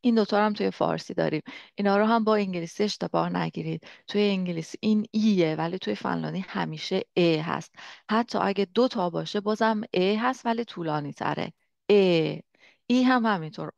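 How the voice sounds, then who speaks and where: A woman teaching a language lesson, patiently explaining and slowly repeating sounds. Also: mid-range voice, vocal fry, darkish tone, no room sound. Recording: dull, dry lo-fi recording.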